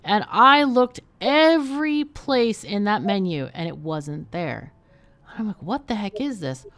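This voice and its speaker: With a medium-pitched, expressive, somewhat bright voice, a woman streamer chats at an unhurried pace while playing a game live. She keeps the commentary casual and thinks aloud throughout.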